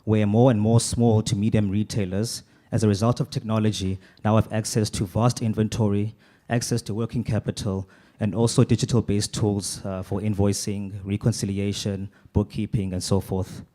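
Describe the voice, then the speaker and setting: Mellow low-voiced male moderator. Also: flat delivery. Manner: formal, measured, reads from notes. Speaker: panel moderator. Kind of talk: scripted event introduction.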